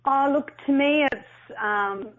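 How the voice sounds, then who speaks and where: In an interview, a middle-aged business founder recounts her story with animation, acting out what people said and often starting over or repeating phrases. She speaks slowly in a high voice, and the lo-fi audio is slightly dull.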